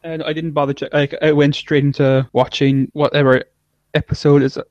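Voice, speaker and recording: A man's voice: a little high, little pitch movement, normal speed, darkish tone, no echo. A man hosting a casual podcast chat, rambling with stumbling restarts and frequent laughs. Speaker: podcast host. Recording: dull lo-fi dry recording.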